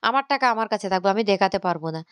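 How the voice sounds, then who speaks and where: A woman's voice: medium pitch, lively intonation, very fast, smooth, no echo, close to an everyday voice. A woman reading the lines of a defiant young wife who refuses her in-laws' demands, in an indignant manner.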